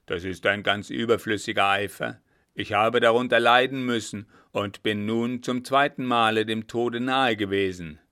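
A man voicing a gruff, irritable army captain who talks loudly and threateningly. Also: lowish voice, normal speed, hardly any pauses. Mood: angry, barking. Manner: loud, barking and threatening.

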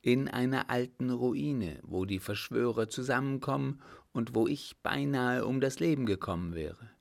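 A man's voice: mid-range voice, moderate pace, vocal fry, natural voice. A man doing a cheeky, loyal young servant.

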